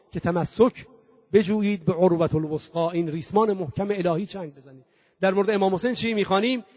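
A high-voiced man delivers a mourning-gathering sermon, chanting scripture lines in a singing tone. He builds long emphatic lists and poses rhetorical questions to the congregation. The recording sounds muffled, lo-fi and very dry. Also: no room sound. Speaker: preacher.

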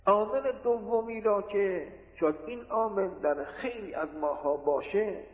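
A man giving a religious lecture, explaining with rhetorical questions and everyday examples. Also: high voice. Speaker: preacher. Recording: tinny lo-fi recording in an echoey hall.

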